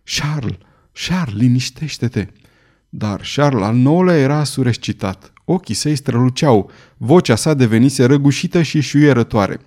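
A man reading a novel aloud as narrator, in a measured, expressive way. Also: mid-range voice. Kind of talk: audiobook narration.

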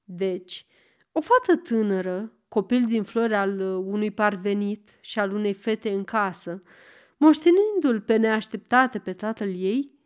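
A woman narrating a short story as an audiobook, reading in measured phrases with long pauses. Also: medium pitch, animated, clear, resonant tone.

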